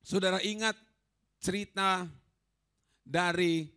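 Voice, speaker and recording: A man preaching a lively storytelling sermon in a church hall. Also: high-pitched, slow, smooth. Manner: lively, storytelling, addresses listeners as saudaraku.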